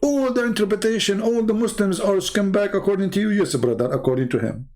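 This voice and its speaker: This online debater is a scornful man delivering a heated, ranting monologue at a fairly quick clip, his voice a little mellow. He mocks and scorns, swinging from low mutters to high exclamations.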